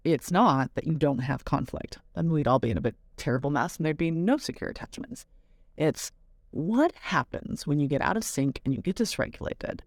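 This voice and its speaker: A woman's voice: deep voice, expressive, moderate pace, dry recording, studio quality. A woman hosting a parenting podcast, telling a personal story in a candid, reflective, casual way.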